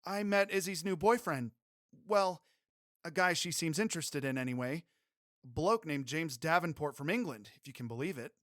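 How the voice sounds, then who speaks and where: A man's voice: on the high side, expressive, moderate pace, fairly bright tone, dry recording, clean studio sound, pitched above the performer's own voice. A man voicing Emmy Jo, an eager young cowgirl. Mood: excited.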